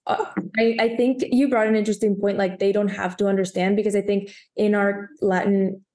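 A woman co-hosts a podcast with a mid-range voice. She asks her questions in a chatty, loose way, scattering "like" throughout and nodding along with quick agreement. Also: mid-range voice, little pitch movement, warm tone. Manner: chatty, many "like" fillers, encouraging backchannels. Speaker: podcast co-host. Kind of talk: conversational interview.

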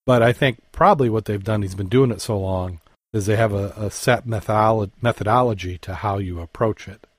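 A man co-hosting a podcast, reading dive news articles aloud and chatting, halting with fillers and self-corrections. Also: lowish voice, dry recording. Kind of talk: casual news reading and chat.

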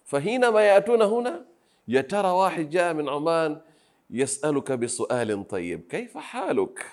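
A man from Pemba, by birth, answers an interviewer's questions. He speaks earnestly and humbly in a soft voice and often restarts his phrases. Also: fairly high pitch, lively intonation, fairly quick. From Pemba, Zanzibar. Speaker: Arabic grammar teacher, interview guest. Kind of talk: interview conversation.

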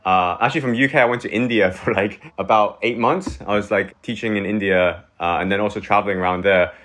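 A guest in his thirties from Hong Kong chats casually, rambling loosely with plenty of fillers such as "like" and "you know." His voice is fairly low and a little fast.

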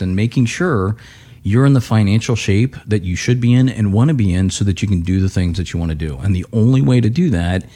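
Deep-voiced, mellow man telling folksy stories. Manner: folksy storyteller with filler words. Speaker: financial advisor. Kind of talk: interview.

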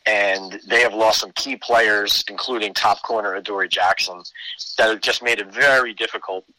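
A man's voice: lowish voice, fairly even intonation, moderate pace, bright, forceful tone, no echo, rough recording. A man giving conversational sports analysis as a podcast guest, explaining his case point by point.

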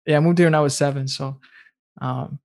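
A man's voice: fairly high pitch, steady tone, fairly quick. A young man from the Dominican Republic hosting a podcast in a casual, chatty way, laughing often and using lots of "like". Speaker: podcast host.

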